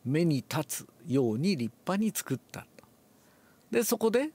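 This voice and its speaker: An older man, relaxed and musing aloud, explains a classical Japanese text before reading it aloud and demonstrates with his voice. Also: fairly high pitch, a little slow, husky. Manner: relaxed, talks to himself, demonstrates accents aloud. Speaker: reading teacher.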